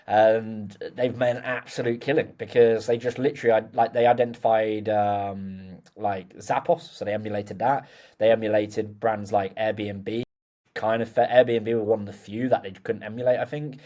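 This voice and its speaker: Chatty low-voiced man. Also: flat delivery, moderate pace, dark tone. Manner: chatty, many fillers like "like", agrees often. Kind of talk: casual business conversation.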